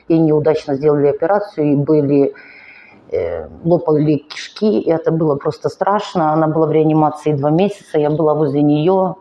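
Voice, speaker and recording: Low and mellow, the voice belongs to a woman from Ukraine in her forties recording a confessional vlog about her life, with dull audio. Tired and finding it hard to talk, she speaks earnestly and emotionally, slowly, with halts.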